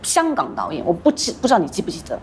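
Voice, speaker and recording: A woman actress, the guest in a podcast interview, telling stories with animated acted-out voices. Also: lowish voice, rapid-fire, slight background noise. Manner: animated storytelling, acts out quoted voices.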